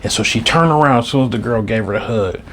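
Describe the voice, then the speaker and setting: A man hosting a podcast, telling a comedic story and swinging between low muttering and loud outbursts. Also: fast, a little hiss or hum. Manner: fills his talk with "you know what I'm saying" and "right".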